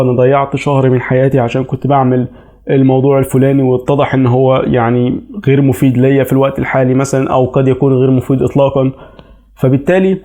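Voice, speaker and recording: A man's voice: medium pitch, dark tone. A man with an Egyptian Arabic accent giving chatty, reassuring advice as an English teacher in a casual explainer video.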